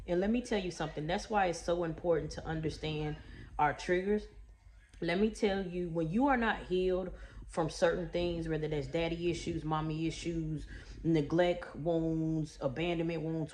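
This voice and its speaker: A woman's voice: lowish voice, fairly even intonation, normal speed, darkish tone. A middle-aged woman from Texas, a trauma coach, chatting folksy to her viewers in a story-time vlog and calling them y'all and baby. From Houston, Texas.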